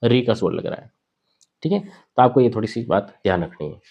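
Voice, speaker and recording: A man teaching a grammar lesson at a board. He asks questions and answers them himself, and he repeats key words slowly. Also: lowish voice, very animated, creaky, slightly rough, dull audio.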